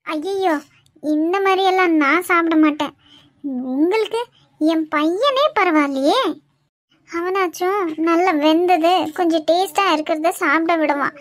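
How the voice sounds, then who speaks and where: A stubborn cartoon mother-in-law, as a woman voices her, whining and protesting in a Kanyakumari Tamil accent. Her voice sits very high, and the sound is dry and close. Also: unhurried, pauses often, no room sound. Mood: whiny protest. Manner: whiny, protesting, dramatic. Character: fussy stubborn middle-aged mother-in-law. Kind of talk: cartoon voice acting.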